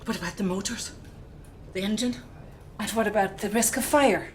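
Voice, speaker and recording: A woman's voice: medium pitch, normal speed, slight background noise, natural voice. An actress playing a stubborn woman who owns the boat, defiant and protective of it.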